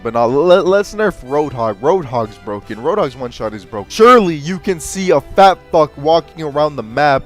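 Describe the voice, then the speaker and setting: A man delivering an escalating comedy rant as a gaming streamer, sarcastic and exasperated, with emphatic swearing. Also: a little high. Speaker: gamer, streamer. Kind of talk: escalating comedy rant about a video game, profane.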